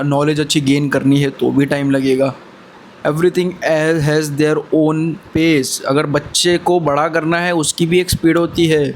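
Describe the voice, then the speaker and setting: A man's voice: on the high side, a little hiss or hum. A man in his twenties giving earnest, brotherly motivational advice in a casual talk to camera. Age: 20s. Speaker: vlogger.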